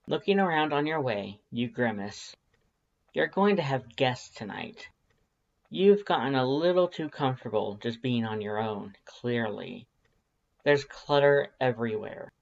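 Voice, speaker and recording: Reading a scripted story with plenty of expression, this narrator keeps a wry, conversational tone and a mid-range pitch. The audio, made at home, sounds slightly dull.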